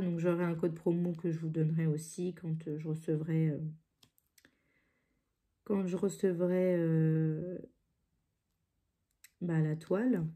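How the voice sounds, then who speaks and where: A craft channel host chats casually at her home craft table indoors, hesitating often, with plenty of fillers and restarts. She has a blocked nose from a cold, and her voice is lowish and warm.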